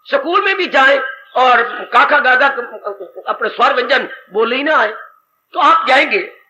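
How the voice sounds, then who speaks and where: High-voiced preacher on muffled old tape. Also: male voice, animated, a little slow, pushed and bright, a little hiss or hum. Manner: dramatic, rhetorical, sighing exclamations. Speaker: spiritual teacher. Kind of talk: devotional sermon.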